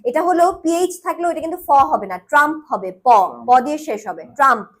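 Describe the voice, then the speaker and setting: High-voiced Bangladeshi woman coaching pronunciation. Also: sing-song, a little fast, darkish tone. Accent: Bangladeshi Bengali. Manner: corrective, drills pronunciation by repeating words. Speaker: news presentation instructor. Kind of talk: giving spoken feedback in class.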